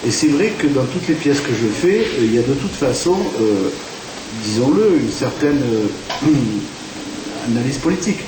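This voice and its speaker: A French theatre director, whose first language is French, gives a radio interview in an animated, mid-range voice at a measured pace, using many fillers and restarts. The recording sounds distant and echoey, with faint hiss.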